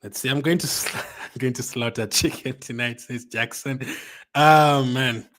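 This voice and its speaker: A man hosts a fan live stream and reads out viewer comments. His voice sits at an ordinary middle pitch, and he speaks excitedly and loosely, filling gaps with "um" and "man". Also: unhurried. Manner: excited and chatty, with frequent "um" and "man". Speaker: fan channel host.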